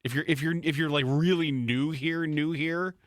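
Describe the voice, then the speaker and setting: A man's voice: fairly high pitch, fairly even intonation, normal speed, dry recording, clean studio sound. A man co-hosting a sports podcast in casual chat, joking and repeating words as he talks. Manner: chatty, tells jokes, stumbles and repeats words.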